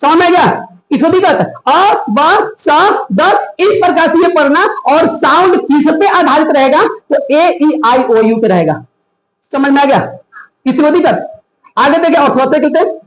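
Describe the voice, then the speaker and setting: A woman teaching phonics to a class, her voice pitched high. She drills her students by asking the same question again and again. The sound bounces around an echoey classroom. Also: expressive, moderate pace. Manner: drills with repeated quiz questions. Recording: echoey room.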